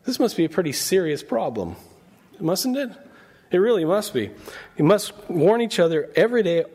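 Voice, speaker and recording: A man's voice: high-pitched, very animated, moderate pace, a little mellow, husky. Man preaching with frequent questions. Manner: conversational, asks the congregation frequent questions. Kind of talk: sermon. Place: church.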